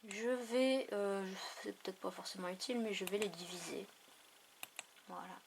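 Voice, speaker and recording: A woman hosting a craft tutorial, thinking aloud in an unhurried way with many fillers as she works on a computer. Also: mid-range voice, fairly even intonation, gravelly, slight background noise. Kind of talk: casual screen tutorial narration. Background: mouse clicks.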